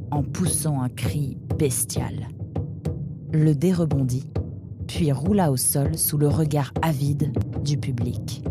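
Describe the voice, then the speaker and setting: A woman narrating a children's animal story with an expressive reading. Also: low-pitched.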